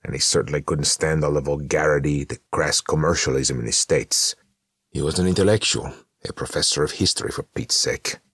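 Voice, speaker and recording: A man's voice: extremely low pitch, a little fast, a bit bright, slightly rough, no room sound, studio quality, exaggerated voice. A man doing a blunt, needling smoker. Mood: bitter. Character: blunt, slouching middle-aged brother, chain smoker. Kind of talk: audiobook narration.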